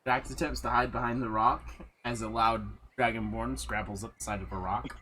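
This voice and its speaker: A man's voice: medium pitch, fairly even intonation, moderate pace, pushed and bright, a little hiss or hum. A man narrating a tabletop game as game master, playful and voicing the characters. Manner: voices the NPCs in a playful, laughing way.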